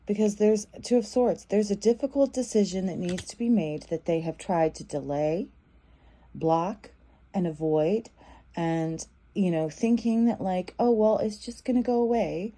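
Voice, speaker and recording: A woman's voice: fairly low pitch, unhurried, dark tone. A woman giving a casual tarot reading, talking in a loose, repetitive way with many fillers and restarts. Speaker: tarot reader.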